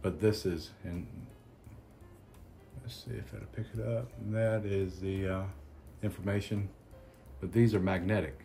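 A man with a Southern accent, hosting a casual unboxing chat in an unhurried, halting way with many ums and restarts. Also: fairly low pitch, steady tone, creaky, dark tone, faint music behind. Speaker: cigar channel host.

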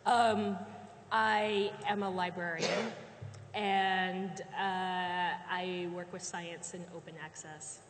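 A woman's voice: fairly low pitch, level tone, slow pace, background noise. A woman, a librarian on a board, introducing herself plainly and matter-of-factly. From California. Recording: conference hall reverb.

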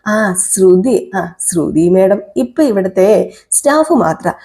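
Brief: woman as parlour staffer, polite, mellow, explaining. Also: mid-range voice, lively intonation, slow pace. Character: beauty parlour staff member, helpful.

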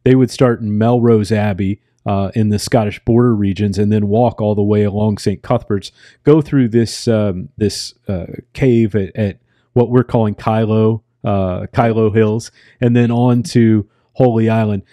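An American man hosting a podcast, chatting in an unhurried, reflective way and searching for his words. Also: fairly low pitch, fairly even intonation, dark tone, dry recording, studio quality. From United States. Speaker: podcast host. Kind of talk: casual interview conversation.

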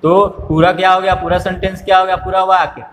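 A man teaching a phonics lesson to small children. He slowly spells words out syllable by syllable and keeps asking questions. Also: high voice, little pitch movement, big-room sound, slight background noise. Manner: slow, drawn-out spelling aloud, syllable by syllable, with repeated questions.

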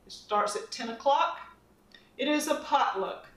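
This middle-aged woman's high-pitched voice is expressive, unhurried and fairly bright as she shows a recipe in her home kitchen for her cooking channel. She chats in a homespun manner while hand-mixing dough, captured from a camera across the counter in a roomy room with the mic at a distance.

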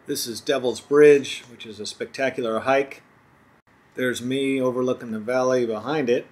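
Man, travel vlog voice-over, relaxed, chatty, tour-guide narration, mid pitch. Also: normal speed, slight background noise.

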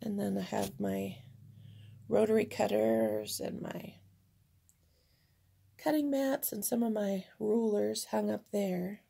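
A woman with a raspy voice chatting casually as she shows her home craft room, self-deprecating and easygoing. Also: mid-range voice, fairly even intonation, slow, long pauses, dark tone. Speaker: crafter giving a room tour. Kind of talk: casual home tour narration.

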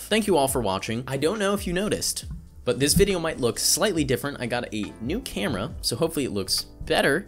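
A man's voice: medium pitch, fairly bright tone. A young man talking casually to camera in a vlog, chatty and rambling with lots of fillers, about his own experience. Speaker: YouTuber. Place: home setup. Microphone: studio microphone.

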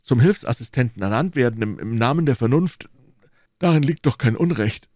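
A man voicing an anxious young male student with a hoarse voice. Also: mid-range voice, lively intonation, fairly quick, darkish tone, no echo, studio quality, pitched above the performer's own voice, natural voice. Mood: anguished. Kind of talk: audiobook character voicing.

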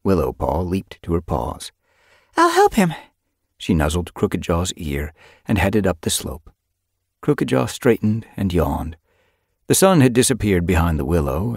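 A man narrating an audiobook with expressive, animated storytelling. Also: low-pitched, breathy edge, dry recording, clean studio sound.

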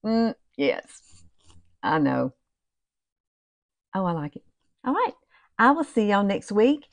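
Very animated but slow, a medium-pitched woman in her fifties with a Southern accent gives a casual makeup tutorial, chatting folksily as though to her girlfriends. The small home room recording has no echo and its highs are cut off.

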